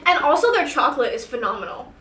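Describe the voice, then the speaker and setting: A woman's voice: high-pitched, sing-song, fast talker, pushed and bright, echoey room, recorded from a distance, slight background noise. A woman chatting and joking as a player in a tabletop game. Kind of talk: casual tabletop chat.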